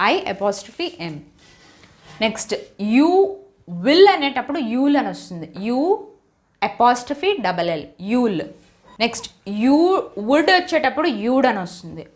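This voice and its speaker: A woman with a Telugu accent runs a steady English class, her voice fairly high and moving up and down a great deal. She works through patterns methodically, repeating each form and spelling words out letter by letter. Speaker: English teacher. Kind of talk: spoken English lesson in Telugu and English.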